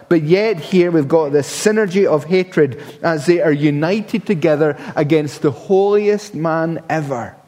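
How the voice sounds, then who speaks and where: A man's voice: fairly high pitch, a little mellow. A man preaching a sermon in an emphatic manner, often restarting his words. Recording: long reverb of a large hall.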